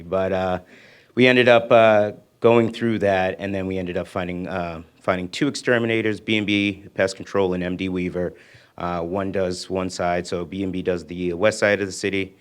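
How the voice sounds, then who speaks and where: Very deep, flat-voiced man explaining. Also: clean tone. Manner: casual, filler-heavy explaining. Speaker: city official presenting at a community meeting. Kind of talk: informal presentation.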